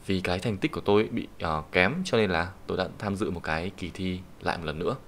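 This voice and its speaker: A man with a Vietnamese accent teaching Japanese kanji in an online lesson, patiently explaining each reading and saying the Japanese example sentences slowly. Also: deep voice, a bit bright. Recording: faint background hiss and keyboard typing.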